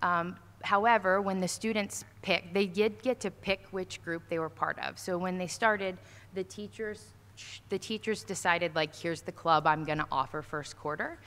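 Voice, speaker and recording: At a school board meeting, a woman administrator answers questions casually with many fillers, speaking into a standing podium mic in a large auditorium. A far camera captures her fairly low, fairly bright voice at a moderate pace, in an echoey hall with faint noise.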